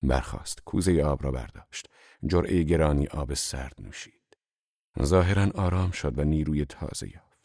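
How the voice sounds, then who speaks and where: Brief: low, husky male audiobook narrator, measured delivery. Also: no room sound, clean studio sound. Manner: measured, even storytelling.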